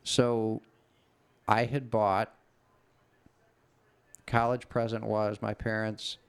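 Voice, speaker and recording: A man's voice: fairly low pitch, little pitch movement, very slow, creaky, clear, resonant tone. A middle-aged man casually telling a long, rambling anecdote on a podcast, swearing freely. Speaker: podcast co-host. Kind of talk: casual storytelling chat.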